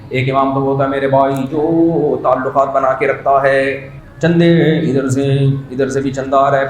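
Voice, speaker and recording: A man giving an animated religious lecture, switching to mocking asides and quiet muttering. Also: mid-range voice, reverberant, slight background noise. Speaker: Islamic scholar giving a talk.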